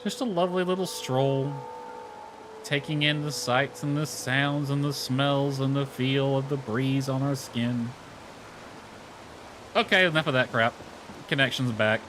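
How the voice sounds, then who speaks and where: Unhurried and pausing often, a man with a mid-range voice offers rambling, casual gameplay commentary on a stream, grumbling a little. There's music and background noise behind him.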